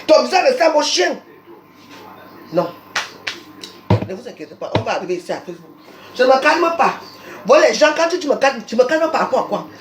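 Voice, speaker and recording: A Cameroonian woman with a Cameroonian French accent launches into an aggressive live rant on social media, repeating her insults, recorded on a phone with a roomy echo. Her voice is high-pitched and sing-song, a little fast, with frequent pauses and background noise. She is a social media personality, combative and insulting.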